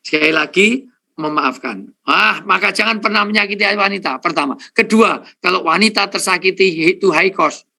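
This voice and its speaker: Male preacher, gravelly, bright tone, slightly high voice, jokey, addresses the crowd, counts off points. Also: normal speed. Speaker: Islamic preacher. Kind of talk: humorous sermon to a live audience.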